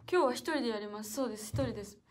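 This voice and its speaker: A chatty young woman hosts a solo livestream from an indoor room with a piano, reading out viewer comments. Her voice sits a little high, and she often laughs or drops to a soft whisper. Faint background noise sits under her voice. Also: rapid-fire. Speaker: idol livestream host.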